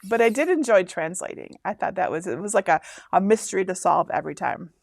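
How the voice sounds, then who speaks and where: This host, a woman in her fifties from Michigan, USA, rambles through reading instructions on a casual live stream, chatting and laughing a lot. She talks fast in a fairly low, expressive voice with vocal fry, captured in studio quality with no room sound.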